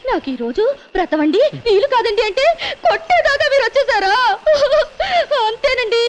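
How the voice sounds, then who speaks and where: An actress playing a devout young wife with a plaintive, pleading way of talking. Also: female voice, very high voice, sing-song, a little hiss or hum. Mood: hurt. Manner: plaintive, pleading, quick to complain. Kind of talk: 1990s film drama acting.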